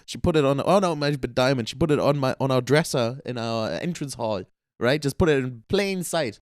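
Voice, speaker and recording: A man's voice: medium pitch, animated, a little fast, no echo, studio quality. A young man from Germany co-hosting a podcast, chatting casually and telling stories with acted quotes. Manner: laughing, storytelling with acted quotes. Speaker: podcast co-host. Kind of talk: casual chat.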